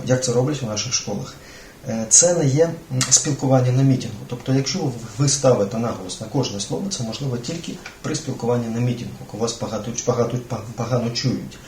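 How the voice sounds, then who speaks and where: Man teacher, fast and halting delivery, echoey room with faint noise. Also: mid-range voice, darkish tone. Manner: halting, repeats and restarts words. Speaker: language teacher. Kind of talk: spoken lesson on language learning.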